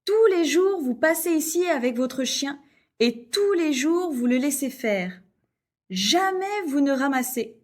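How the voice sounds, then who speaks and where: A high-pitched, indignant neighbor woman, voiced by an actress in a scripted lesson sketch. She scolds insistently and keeps pressing her point. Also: lively intonation, unhurried. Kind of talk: scripted language-lesson dialogue.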